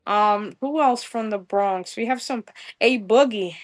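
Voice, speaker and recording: A young woman from New York, a guest musician with a New York accent, gushes through a casual podcast interview and mixes in street slang. Her voice is fairly high, and she's in no hurry.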